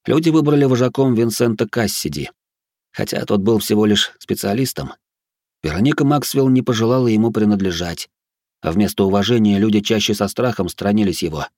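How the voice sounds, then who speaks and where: A man reading a first-person fantasy audiobook in a steady, measured way. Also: lowish voice, no echo, studio quality. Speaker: audiobook narrator. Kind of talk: scripted first-person narration.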